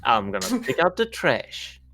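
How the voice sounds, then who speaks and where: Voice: medium pitch, very animated, unhurried, creaky, a bit bright, voice pushed up, exaggerated voice. A player voicing a goofy janitor who keeps chattering about his plunger. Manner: silly, repetitive chatter.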